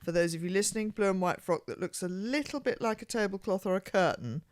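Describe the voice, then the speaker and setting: A woman's voice: medium pitch, expressive, fast. A woman co-hosting a podcast, chatting in a playful, teasing way. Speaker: podcast co-host. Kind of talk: casual chat.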